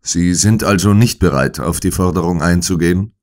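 A male reader voicing a cool-headed detective in a storybook, the voice extremely deep. He probes with composed, unmoved questions and keeps every line level. It is recorded close on a studio microphone. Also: moderate pace, lightly acted. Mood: composed probing. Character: calm, sharp-minded male detective. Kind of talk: audiobook character voice.

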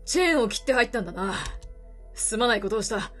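A woman voicing a middle-aged male travel reporter from a game, world-weary, kindly, calm and measured. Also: faint music behind, natural voice. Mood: calm, grave. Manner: calm, low, measured delivery. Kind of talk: reading game dialogue in character.

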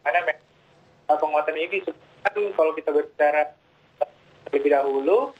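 A man's voice: on the high side, brisk. A man speaking as a market analyst over a video call whose audio keeps breaking up, talking hesitantly with many filler sounds. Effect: choppy video call audio that keeps breaking up. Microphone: remote video call. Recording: tinny, phone-like video call line.

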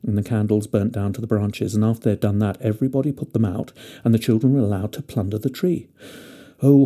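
A man narrating a fairy tale with gentle, expressive storytelling. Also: medium pitch.

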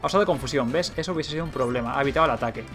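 A young man with a Spain Spanish accent commentating a video game as he plays, thinking aloud, getting excited and swearing. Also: medium pitch, very fast, over music. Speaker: let's play gamer.

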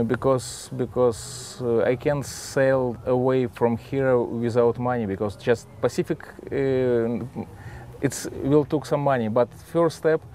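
A man with a Russian accent speaking halting, simple English in a casual interview, often repeating words. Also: medium pitch, warm tone, a little hiss or hum. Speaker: adventurer and sailor, interviewee. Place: on a sailboat in a marina, cockpit and cabin. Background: music.

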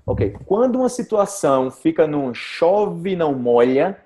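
A man's voice: fairly high pitch, very animated, a little slow, mellow. A Brazilian man teaching Portuguese expressions to a group over a video call. He explains patiently, repeats his examples and often checks with "ok?" and "cara".

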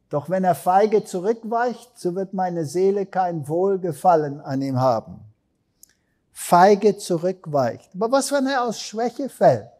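A man's voice: sits high, warm tone. A man preaching a sermon, telling stories emphatically and asking the listeners questions. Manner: emphatic storytelling with rhetorical questions.

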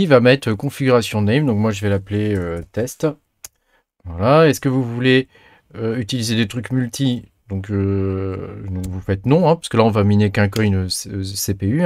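A crypto mining channel host gives a casual tutorial over a screen recording, chatty and packed with fillers and tag words, often trailing off with "hein." His voice is mid-range, and the studio-quality recording has no room sound.

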